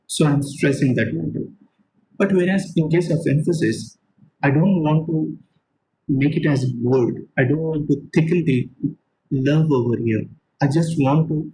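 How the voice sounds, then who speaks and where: A man's voice: medium pitch, darkish tone, slight background noise, poor audio. A man teaching an online class, explaining points step by step and repeating them, with frequent fillers. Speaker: lecturer.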